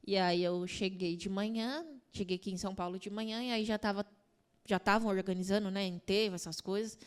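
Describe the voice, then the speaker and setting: A woman's voice: mid-range voice, steady tone, fairly quick, smooth. A young adult woman, a podcast guest, retelling a painful personal story with lots of quoted dialogue.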